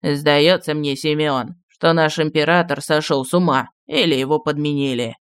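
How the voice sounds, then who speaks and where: Мужчина-чтец аудиокниги озвучивает старого маршала в отставке, неторопливого и ворчливого, который вспоминает былое. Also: male voice, clean tone, no room sound, lightly acted. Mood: confiding. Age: older. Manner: slow, low, grumbling reminiscence. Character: old retired marshal, gruff, nostalgic, secretive.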